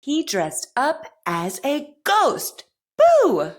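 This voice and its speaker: A woman leading an articulation drill as a speech teacher, over-enunciating practice sentences in a careful, deliberate, encouraging manner. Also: high voice, wildly swooping pitch.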